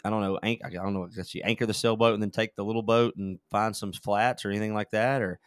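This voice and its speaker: A man hosting a podcast, asking questions in a halting way with many restarts. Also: on the low side, fairly even intonation, clear, resonant tone, no room sound, clean studio sound. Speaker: podcast host. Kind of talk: casual interview chat.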